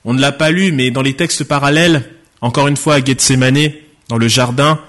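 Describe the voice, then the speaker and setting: A man's voice: mid-range voice, fairly even intonation, a little fast, a bit bright. A man preaching a sermon. He reads a Bible passage aloud, raises his voice for quoted speech, then explains it in a plain conversational way. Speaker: pastor.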